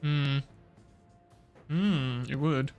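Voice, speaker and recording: A man's voice: mid-range voice, extremely slow, darkish tone, clear, resonant tone, faint music behind. A man streaming a strategy game, thinking aloud and muttering his moves in casual commentary.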